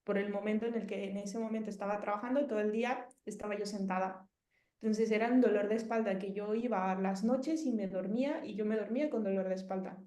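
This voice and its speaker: This thirty-something woman speaks with a Mexican Spanish accent, talking quickly and evenly in a mellow, mid-range voice that echoes as if in a roomy space. It's a casual testimonial interview, and she rambles, restarts often and leans heavily on fillers.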